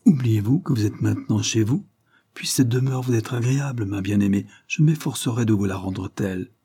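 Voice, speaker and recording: A man's voice: fairly low pitch, lively intonation, brisk, a little mellow, breathy edge. A man playing an affectionate husband. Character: kind, affectionate young husband.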